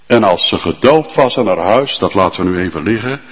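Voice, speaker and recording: A male pastor preaching a sermon with fervent emphasis and drawn-out, emphatic lists. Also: fairly low pitch, lively intonation, in a large hall, dull audio.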